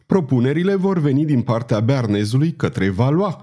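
A man's voice: medium pitch, very animated, warm tone. A man reading the part of a blunt, hot-tempered army captain who swears emphatically. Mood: eager.

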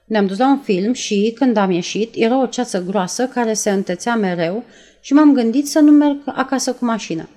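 A woman reading aloud and voicing a nervous young woman who retells events in a breathless, halting way. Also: a little high, warm tone, close to an everyday voice. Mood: shaken. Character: nervous young woman, shaken after a shooting.

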